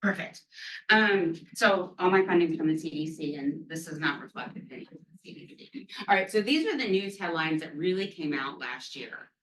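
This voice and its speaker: In a roomy lecture hall, heard from a distance, a woman lectures on a virus as an infectious disease lecturer. Her low, slightly bright voice is brisk with lively intonation, and she's chatty, full of ums and offhand self-deprecating asides.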